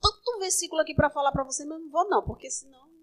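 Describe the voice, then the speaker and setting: Woman pastor, high voice, conversational sermon with soft asides and strong emphatic calls. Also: expressive, racing, low-quality recording.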